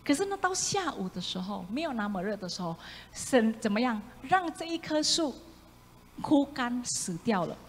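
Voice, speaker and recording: In an echoey church hall with faint room noise, a woman with a fairly high voice preaches at a moderate pace while the congregation reads along. She is animated, acting out the prophet's voices and switching suddenly between loud lines and whispered asides.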